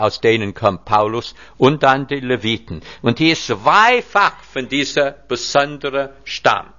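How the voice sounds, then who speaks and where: A man's voice: medium pitch, fairly bright tone, no room sound. Man preaching with wry humor, dull recording. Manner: teaching, with wry humorous asides. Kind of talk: sermon with Bible reading. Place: church hall before a seated congregation.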